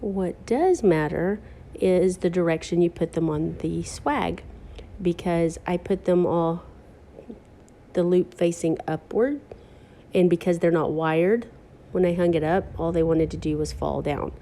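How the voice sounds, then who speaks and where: A woman's voice: on the low side, unhurried, warm tone. A woman hosting a chatty craft tutorial, stuffy from allergies, joking about her own mistakes. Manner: chatty, self-deprecating, enthusiastic about textures. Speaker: craft video host.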